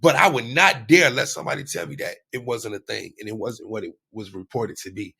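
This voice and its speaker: Gravelly, husky man ranting on his podcast. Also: lowish voice, brisk, pushed and bright. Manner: blunt, profane, emphatic with repeated phrases. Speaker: podcast host. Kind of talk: opinionated commentary monologue.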